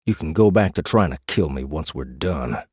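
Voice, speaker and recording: Voicing a renegade space marshal in an audiobook drama, a man with an extremely low, breathy-edged voice delivers a full character performance, measured and coaxing, sounding exasperated. The character is steady, probing, protective, and dryly teasing, and the recording has no echo.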